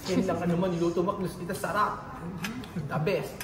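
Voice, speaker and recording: A high-voiced Filipino food vlogger talks fairly quickly with little pitch movement, switching between Tagalog and English and laughing often as he tastes dishes at a shared restaurant meal. The audio has a big-room sound and a noisy background.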